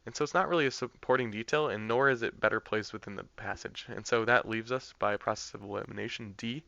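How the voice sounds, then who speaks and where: A man's voice: fairly low pitch, fairly even intonation, fast talker, creaky, bright, forceful tone, dry recording, muffled recording. A man tutoring test prep, explaining practice test answers in a conversational way, thinking aloud with fillers and restarts.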